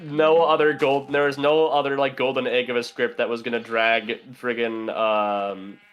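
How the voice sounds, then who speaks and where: A man's voice: mid-range voice, level tone, normal speed, smooth, dull audio. Laid-back young man rambling casually. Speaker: podcast guest. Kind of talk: casual chat while gaming.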